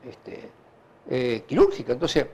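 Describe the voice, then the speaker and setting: A man with a Uruguayan Spanish accent answering conversationally in an interview, halting and repeating himself as he recounts anecdotes. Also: medium pitch. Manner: animated, halting and repetitive, with frequent filler tags. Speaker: interview guest, hospital director.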